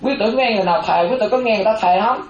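A Buddhist monastic woman, giving a lively dharma talk and often asking the audience questions. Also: medium pitch, racing, a little hiss or hum. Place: hall with a seated audience. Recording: roomy, dull sound with faint audience.

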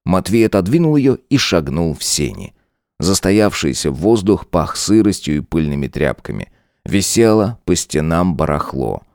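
A male audiobook narrator with a very low voice that rises and falls widely. He reads in a dramatic, expressive way. The recording is dry and close. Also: moderate pace, no echo. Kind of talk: scripted narration.

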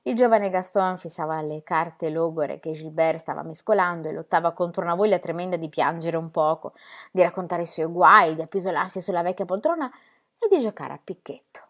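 A woman reading a novel aloud as narrator, in a calm, even storytelling manner. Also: lowish voice, brisk. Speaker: audiobook reader. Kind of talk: scripted narration.

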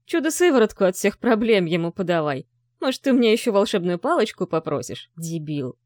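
A woman's voice: mid-range voice, big pitch swings, fairly quick, a little mellow, no echo, close to an everyday voice. A cold, scornful father growls and sneers in a harsh, mocking way, as a woman narrator puts him on. The audiobook reading is recorded dry and close, with no room sound. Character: menacing, scornful rich older father, a man.

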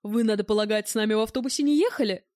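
A woman's voice: a little high, very fast, darkish tone, dry recording, clean studio sound, lightly acted. A woman doing a sweaty, pedantic chatty man. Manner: chatty, know-it-all. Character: sweaty, talkative middle-aged man, pedantic and peace-making. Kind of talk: audiobook reading.

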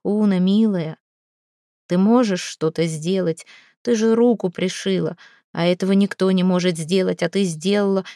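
A woman voicing a gruff, grieving male village head who talks in a low, slow, heavy rumble. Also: steady tone, mellow, no room sound, studio quality, natural voice. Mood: pleading.

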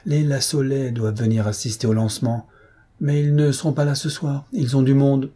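A man voicing a lively, candid young wife in a read-aloud novel, raising his voice for her. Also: medium pitch, moderate pace, breathy edge, pitched above the performer's own voice, close to an everyday voice. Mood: earnest.

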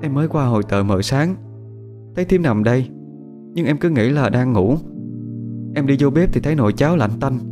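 A man voicing a gentle young village woman who speaks tearfully and pleads, stammering at times. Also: mid-range voice, fairly even intonation, rapid-fire, hardly any pauses, over music, pitched above the performer's own voice, close to an everyday voice.

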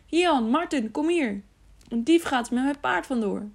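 A woman voicing an agitated male farmer who shouts loud, raised alarms at a thief in an audiobook. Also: sits high, lively intonation, a little slow, gravelly, pitched above the performer's own voice, heavily acted. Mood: angry alarm. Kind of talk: audiobook character voice.

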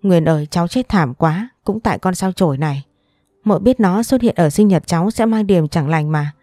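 Shrieking grief-mad aunt voiced by a woman narrator, loud and raw, dry close read. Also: fairly low pitch, moderate pace, no room sound, faint music behind, lightly acted. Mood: wailing rage. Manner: wailing and screaming accusations. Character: grieving, furious middle-aged aunt.

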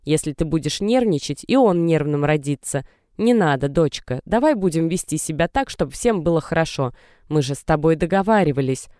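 A man's voice: on the high side, animated, fairly quick, mellow, dry recording, studio quality, lightly acted. A man reading the lines of an anxious middle-aged mother who lectures and coaxes her daughter over the phone. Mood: insistent. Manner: coaxing, insistent, lecturing.

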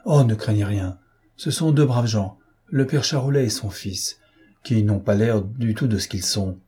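A man voicing an elegant young gentleman thief who speaks in a composed, courteous, reassuring way. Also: on the low side, unhurried, breathy edge.

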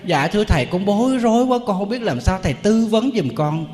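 A man's voice: high voice, expressive, a little fast, a little mellow, in a large hall, voice pushed up. A man voicing a worried young woman asking a monk to choose her husband. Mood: fretful. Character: anxious young woman seeking advice.

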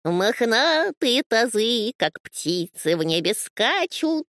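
Woman voicing a high, dreamy know-it-all sheep. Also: huge pitch swings, no echo, clean studio sound, full character voice. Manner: slow, dreamy, rambling pronouncements. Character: odd, know-it-all female stray sheep. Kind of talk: storybook reading.

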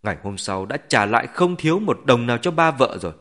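A man's voice: mid-range voice, very animated, fast, fairly bright tone. A man voicing an earnest, remorseful young husband in an audiobook, firm and sincere. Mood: explaining.

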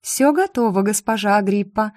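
A woman performs a fussy young dress shop clerk, putting on an eager sing-song that sits a little above her natural pitch yet stays close to an everyday voice. Her delivery is expressive and mildly mellow at a moderate pace. The sound is clean studio audio with no room sound.

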